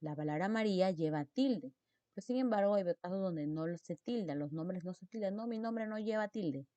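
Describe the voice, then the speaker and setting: A woman's voice: mid-range voice, expressive, normal speed, dark tone, no room sound, dull audio. A woman teacher explains mark rules, repeating example words and checking in with her students. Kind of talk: spelling lesson on accent marks.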